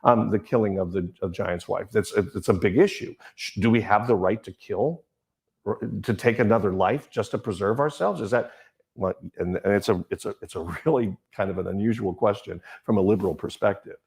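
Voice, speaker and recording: A middle-aged man giving an informal lecture on the stage arts, rambling like a professor, with digressions, halting restarts and personal anecdotes. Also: on the low side, vocal fry, a little mellow. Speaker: lecturer on musical theater.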